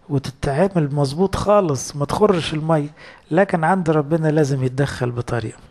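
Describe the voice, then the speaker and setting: A priest with an Egyptian Arabic accent preaches a sermon, retelling scripture in everyday speech. His voice sits fairly high for a man. He keeps turning to his listeners with questions. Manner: explains scripture in lively colloquial storytelling, asking the audience questions.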